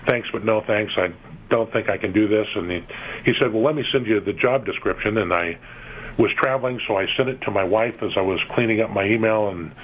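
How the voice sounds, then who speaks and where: Halting, low-voiced man on radio. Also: breathy edge. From California. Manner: halting, repeats words, many fillers. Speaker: interview guest, museum executive. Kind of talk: radio interview talk. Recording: dull lo-fi radio broadcast with faint noise.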